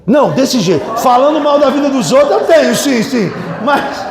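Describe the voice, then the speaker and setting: A middle-aged man, preaching to couples in a lively, humorous way and questioning the audience. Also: very high-pitched, moderate pace, vocal fry, a crowd in the background. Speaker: pastor. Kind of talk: sermon at a couples' retreat. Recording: echoey hall.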